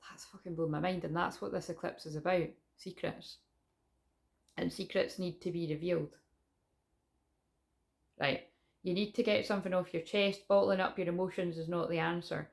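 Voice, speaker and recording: Chatty British woman with a creaky voice. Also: fairly low pitch, fairly even intonation, a little fast. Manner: candid, chatty, sweary. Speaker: psychic tarot reader and online host. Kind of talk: informal spiritual vlog chat.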